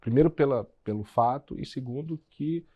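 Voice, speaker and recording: A man, a podcast host asking gentle, prompting questions. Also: mid-range voice, moderate pace, highs cut off. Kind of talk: interviewing.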